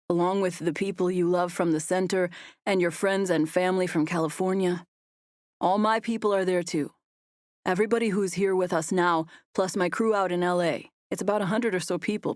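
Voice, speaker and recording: A woman voicing a tender, playful young man in love, speaking gently and earnestly. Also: lowish voice, no echo, studio quality, natural voice.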